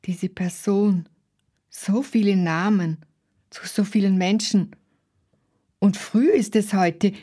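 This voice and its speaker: A woman's voice: mid-range voice, warm tone. A woman reading a first-person literary text as a fussy, proud elderly lady in a care home who repeats herself insistently. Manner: repetitive, insistent, slow.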